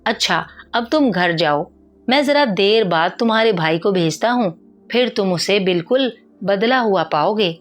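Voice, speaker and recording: A woman voicing a wise old male healer and magician who speaks in a measured, lecturing way. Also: mid-range voice, animated, lightly acted. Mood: calm advising.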